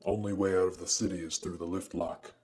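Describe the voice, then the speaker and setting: A man voicing a gruff, blunt male crew member. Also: low-pitched, brisk, natural voice. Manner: blunt, flat. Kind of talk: audio drama character acting.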